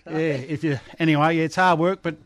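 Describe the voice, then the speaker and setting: A man with an Australian accent giving a casual, slightly halting update as a union organiser on the radio. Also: a little high, fairly even intonation.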